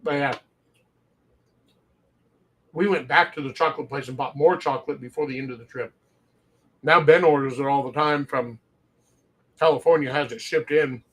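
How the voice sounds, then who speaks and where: A man's voice: medium pitch, normal speed, long pauses. A man from Louisiana hosting a casual wine-tasting show, telling stories in a rambling, chatty way and sometimes talking with his mouth full. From Louisiana, USA. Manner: chatty, rambling storyteller who often chuckles; talks with his mouth full while eating. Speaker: wine shop owner and show host.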